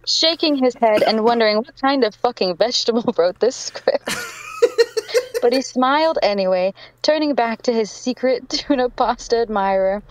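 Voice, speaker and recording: A woman's voice: fairly high pitch, rough recording. A woman narrating a fan fiction aloud to friends, giggling through her reading.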